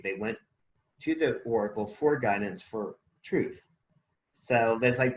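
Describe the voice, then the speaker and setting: Rambling man in a roomy, dull recording. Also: mid-range voice. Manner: rambling, searching for words with many fillers. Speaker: podcast co-host. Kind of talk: casual spiritual conversation.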